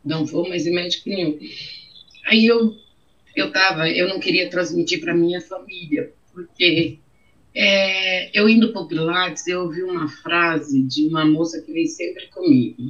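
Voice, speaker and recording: A woman's voice: on the low side, unhurried, fairly bright tone. A middle-aged woman with a Brazilian accent, telling her own story in an interview, emotional and repeating her phrases. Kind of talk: personal testimony in an interview. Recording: dull, muffled audio.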